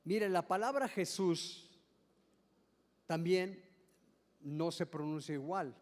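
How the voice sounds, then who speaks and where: A man's voice: fairly high pitch, slow, long reverb tail. A man preaching a sermon as pastor, explaining step by step, often repeating and restarting words and asking the congregation questions. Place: church service hall.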